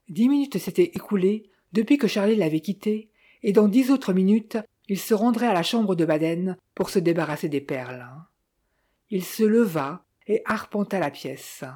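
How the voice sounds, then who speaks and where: Mellow-voiced woman narrating an audiobook. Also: mid-range voice, husky.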